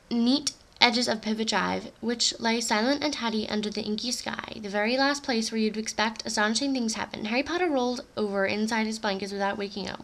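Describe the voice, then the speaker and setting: A woman reading a novel aloud in an amateur way, stumbling over words and correcting herself. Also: on the high side. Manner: blunt, unimpressed in her own comments. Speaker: reader.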